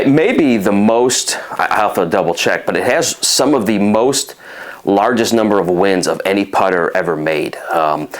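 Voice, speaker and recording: A man with a notably low voice talks through his picks in an easygoing, off-the-cuff way. He trails off and circles back often, filling pauses with ums. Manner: rambling, frequent ums and restarts. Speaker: golf channel host. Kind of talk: casual ranking talk.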